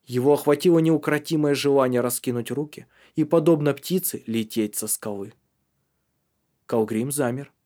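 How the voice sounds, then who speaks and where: A man narrates an audiobook in a tense, dramatic reading voice at a middling male pitch. His delivery is scripted and steady, carrying the suspense of the story. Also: fairly quick, hardly any pauses.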